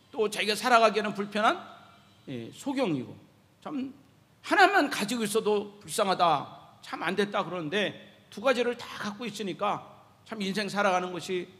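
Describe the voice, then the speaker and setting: A man's voice: high voice, a bit bright. A male pastor preaching a sermon to his congregation in a church sanctuary. He talks animatedly and keeps asking the congregation questions. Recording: echoey church hall reverb.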